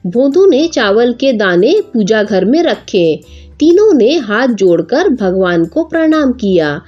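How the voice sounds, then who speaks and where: A woman narrating a children's story slowly and expressively. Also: fairly high pitch, very animated, a little mellow. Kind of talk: scripted narration. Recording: dull lo-fi with faint music.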